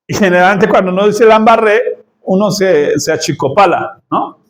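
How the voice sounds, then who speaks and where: A man's voice: high-pitched, moderate pace. A man preaching a sermon as pastor, conversational, often checking in with the congregation and laughing at his own jokes.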